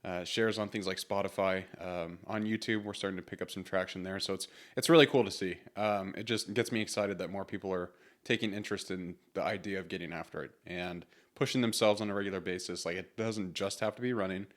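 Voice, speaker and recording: On his solo motivational podcast, a congested man with a cold rambles casually, using fillers and starting over. His voice sits low with a steady tone, and he speaks a little fast.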